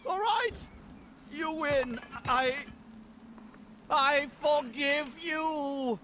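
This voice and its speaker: Pompous game paladin: high, animated declamations, easily flustered, noisy background. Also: male voice, slow pace, gravelly, full character voice. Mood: reluctant. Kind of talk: video game character acting.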